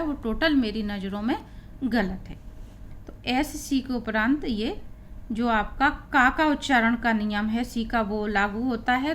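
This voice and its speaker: A woman's voice: a little high, a little hiss or hum. A woman teaching an English pronunciation lesson, explaining rules step by step and spelling out letters one by one. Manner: slow, deliberate, spelling out letters.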